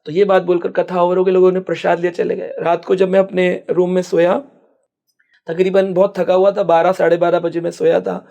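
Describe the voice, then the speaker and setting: A man speaks as a spiritual guest on a podcast. He tells his stories at length and slips in English phrases. His voice sits high and has a mellow, gravelly texture. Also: completely flat delivery, a little fast. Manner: storytelling, mixing English phrases. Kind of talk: podcast conversation.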